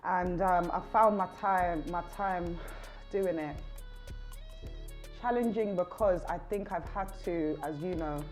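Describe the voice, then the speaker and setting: Lively woman, frank podcast chat. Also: fairly low pitch, slow pace, soft background music. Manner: candid, animated storytelling that acts out dialogue. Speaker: podcast co-host, single mother. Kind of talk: casual chat.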